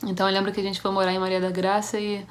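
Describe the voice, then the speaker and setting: A young woman from Brazil giving a church devotional as a personal testimony, telling her story with halting restarts and acting out the voices of people in it. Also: mid-range voice, flat delivery, a little hiss or hum.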